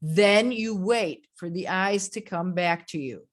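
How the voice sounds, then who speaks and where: A woman's voice: fairly low pitch, slow. A woman grief counselor giving a webinar lecture. She speaks directly, repeats her key phrases and often closes a point with "okay?".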